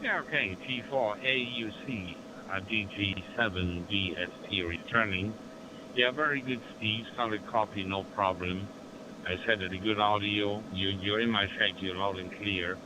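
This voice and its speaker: A man's voice: lowish voice, moderate pace. A man with a German accent, making amateur radio small talk in formulaic operator phrasing over a crackly link. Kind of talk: amateur radio contact chat. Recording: noisy radio link, background hum.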